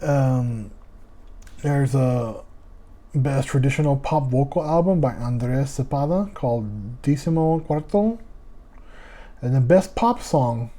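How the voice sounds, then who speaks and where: A man's voice: mid-range voice, warm tone. A man with a lisp hosting a casual solo music podcast, rambling and stumbling over foreign names, calling his listeners "y'all". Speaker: podcast host.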